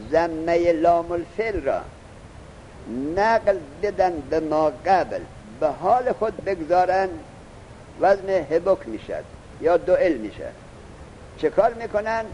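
A man teaches a lesson, reading the text slowly and stopping to quiz his student. His voice is warm and mellow and sits a bit high. A faint rumble runs underneath the recording. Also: low-quality recording. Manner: explains, asks the student questions, reads the text slowly. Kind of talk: classroom lesson.

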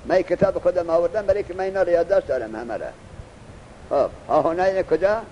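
A man teaching a lesson. He reads the text slowly, explains it, and keeps asking his student questions. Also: high-pitched, dark tone, dull audio, a little hiss or hum. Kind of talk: classroom lesson.

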